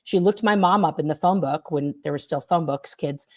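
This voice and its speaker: A woman on a video call, telling her past experiences as a guest in a casual, animated way with fillers and swearing. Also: low voice, moderate pace. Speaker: guest, former member recounting experiences. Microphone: computer mic on a video call.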